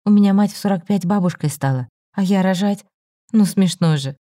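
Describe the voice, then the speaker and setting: A woman voicing a composed forty-year-old woman who speaks calmly and firmly, in a plain, matter-of-fact way. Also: mid-range voice, fairly quick, dry recording, clean studio sound, pitched above the performer's own voice, close to an everyday voice. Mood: exasperated. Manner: calm, firm, matter-of-fact. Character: calm, firm woman of forty, tired but composed.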